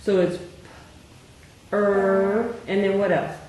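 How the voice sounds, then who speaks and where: A woman with a fairly low, darkish voice tutors a child in phonics one-on-one, patiently asking slow questions and praising often. She sounds encouraging throughout. The room is very echoey, with faint noise.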